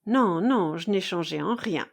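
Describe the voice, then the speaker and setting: A woman's voice: fairly low pitch, expressive, a little slow, gravelly, full character voice. A woman reading the part of a proud, impatient young Russian noblewoman in an audiobook, speaking emphatically with a raised voice. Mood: wistful.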